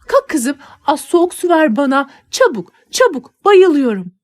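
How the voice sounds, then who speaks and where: A woman's voice: high voice, very animated, normal speed, pitched above the performer's own voice. A woman voicing an old nanny who fusses and exclaims in a dramatic, motherly way. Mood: fussing.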